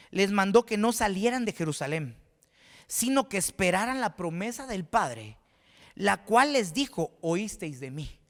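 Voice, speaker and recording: A man from Guatemala preaching a sermon as pastor, fervent, with repeated words and restarts, rising to exclaim. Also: high-pitched. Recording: reverberant hall.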